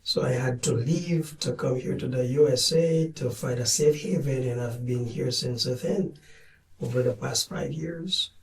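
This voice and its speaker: A man's voice: medium pitch, creaky. Man, roomy and distant. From Haiti. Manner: measured, plain, with some hesitations. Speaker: guest, community director. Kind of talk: interview answers. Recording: roomy sound from a distance with faint music.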